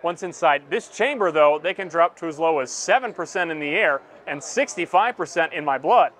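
A man's voice: on the high side, animated, moderate pace, a bit bright. A young American man reading scripted news narration as a television reporter.

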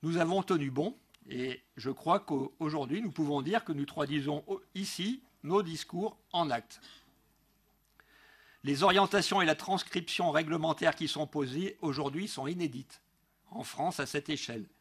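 The speaker, a middle-aged local councillor, has a voice on the high side, fairly bright and breathy, and he goes a little slowly. His prepared political speech at the council meeting is formal and emphatic, with the odd stumble while reading. He uses a gooseneck desk microphone in a large indoor meeting room.

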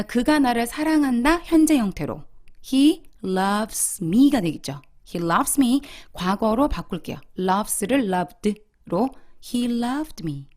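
A woman English teacher giving a language lesson, drilling example sentences slowly for listeners to repeat. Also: on the high side, darkish tone.

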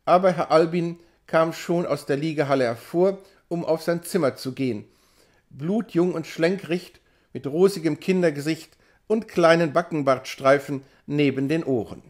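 A man reading a literary novel aloud in a measured, expressive storytelling manner. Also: on the high side. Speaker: audiobook reader. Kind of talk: literary audiobook narration.

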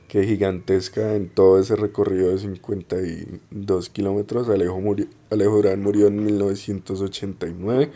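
Young man, student presenter, low pitch, mellow tone, explanatory, hesitant. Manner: unhurried, explanatory, frequent hesitations. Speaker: student presenting his degree project. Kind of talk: informal spoken presentation.

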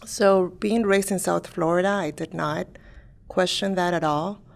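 A woman's voice: lowish voice, fairly even intonation, measured pace, gravelly. A woman from Colombia, raised in Florida, giving brief, matter-of-fact answers as a podcast panel guest. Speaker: panel guest, realty broker. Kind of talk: casual interview talk.

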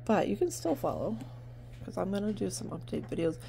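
A woman's voice: mid-range voice, very animated, fairly quick, gravelly, warm tone, slight background noise. A middle-aged woman from New Hampshire, chatting casually to camera about her barn sales in a rambling way with lots of fillers, recorded on a handheld phone at home. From New Hampshire, USA. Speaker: vlogger and barn sale seller. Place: at home, indoors at a table.

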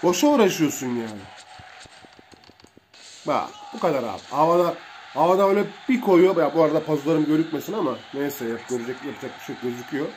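A young man casually commentating a mobile wrestling game for viewers, excitable and slangy, calling out moves and reacting to hits. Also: fairly high pitch, fast, a little hiss or hum.

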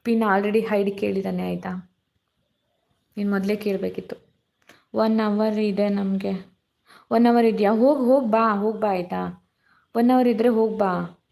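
Host, woman, hoarse gravelly voice, chatty live-stream greetings by phone. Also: medium pitch, fairly even intonation, normal speed, pauses often, warm tone. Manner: chatty, greets viewers by name. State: hoarse, voice cracking from illness. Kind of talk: casual live chat reading comments. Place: dark room at home during power cut.

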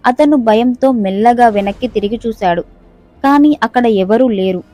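A woman storyteller reading a scripted horror story in a steady, suspenseful manner. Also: on the high side, normal speed, no echo, soft background music.

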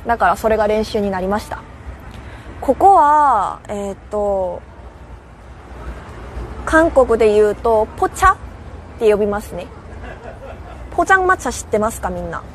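A woman's voice: mid-range voice, sing-song, normal speed, pauses often, slight background noise. A young woman from Korea chatting casually in Japanese with a Korean accent that has a Kansai lilt, hosting a live stream on a city rooftop and answering viewers' comments. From South Korea. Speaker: livestream host.

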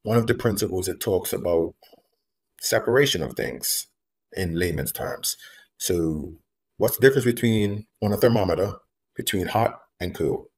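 Speaking from home over a laptop-camera video call, the Bermudian homeless advocate talks in a very low, darkish, slightly rough voice. He's animated, earnest and deliberate in this reflective interview, driving points home by repeating key phrases.

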